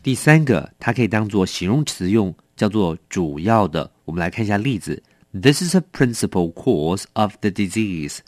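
Male, middle-aged, vocabulary teacher, low voice, dry close sound, careful word by word, quicker asides. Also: lively intonation, darkish tone, no echo. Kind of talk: explaining a word list.

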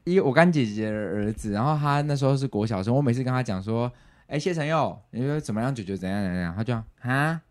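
A man, co-hosting a casual podcast chat and telling animated stories. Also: mid-range voice, fast. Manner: animated storyteller, mimics others. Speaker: podcast co-host.

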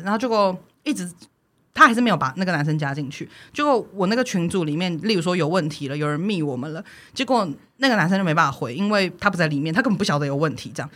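Young woman, rapid speech, exasperated storytelling, casual podcast chat. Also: on the low side. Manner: animated storytelling, frequent laughter, exasperated complaining. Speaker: podcast co-host.

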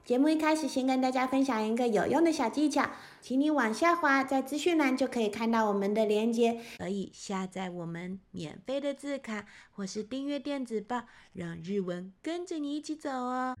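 Slow, gentle woman storyteller. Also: sits high, lively intonation. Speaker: Japanese teacher and show host. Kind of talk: translating a children's story for learners.

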